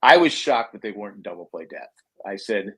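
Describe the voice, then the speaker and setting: Husky-voiced man rambling about baseball. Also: fairly low pitch, lively intonation, a little fast, a bit bright, low-quality recording. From United States. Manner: rambling, repeats words, frustrated fan tone. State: has the hiccups. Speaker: co-host of a baseball podcast. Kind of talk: casual sports chat.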